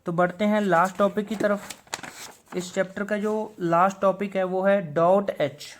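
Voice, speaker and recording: A man's voice: high voice, steady tone, unhurried. A man teaching a shorthand video lesson. He explains patiently and says each example word twice.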